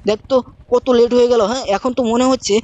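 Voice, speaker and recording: A woman hosting a gaming channel, narrating her play with rapid, bossy banter in an uncle role. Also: a little high, fairly even intonation, a little mellow, dull audio. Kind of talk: game role-play commentary.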